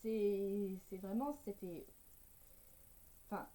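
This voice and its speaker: A woman's voice: mid-range voice, takes it slowly, mellow. A French woman talking through a casual personal vlog, hesitant and stumbling over her words, on poor sound. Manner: hesitant, stumbling, laughs now and then. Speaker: personal development coach and writer.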